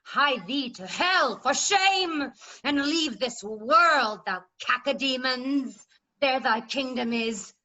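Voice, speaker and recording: A woman's voice: high voice, expressive, pushed and bright, full character voice. A woman playing a bitter, deposed old queen in classical verse, declaiming with scorn over a video call. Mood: scornful fury. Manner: declamatory, scornful, slow and deliberate. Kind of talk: classical verse stage acting. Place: remote video-call staged reading. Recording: dull video-call audio.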